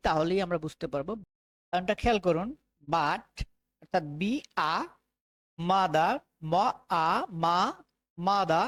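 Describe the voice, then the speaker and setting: A woman teacher with a Bengali accent who gives a phonics lesson. She says each English sound slowly and draws it out, then repeats the word again and again. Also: mid-range voice, no room sound.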